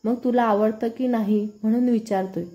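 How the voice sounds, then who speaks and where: A woman's voice: on the high side, steady tone, normal speed, mellow, natural voice. Amar, a woman voicing a teasing young man. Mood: friendly. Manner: playful, a bit nervous.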